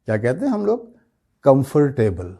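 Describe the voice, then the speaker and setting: A man giving a pronunciation lesson, slow and deliberate, stretching out the words he demonstrates and asking rhetorical questions. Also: medium pitch, animated, warm tone. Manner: explanatory, asking rhetorical questions and checking with "right?". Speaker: English teacher.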